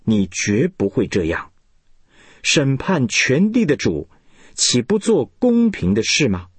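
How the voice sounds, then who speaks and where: An old patriarch pleads earnestly and humbly, as a man reading scripture puts him on. The voice sits higher than the reader's own, husky and breathy. It is slow, imploring and very lively in its rise and fall. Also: dry recording, full character voice. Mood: pleading. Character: elderly man pleading humbly with his God.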